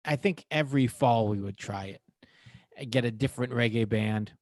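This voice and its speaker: A man's voice: mid-range voice, normal speed, a little mellow, no room sound, clean studio sound. A man in his thirties co-hosting a podcast from home, joking and swearing casually. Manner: loose, joking, swearing, puts on silly voices. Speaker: podcast co-host. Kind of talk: casual chat.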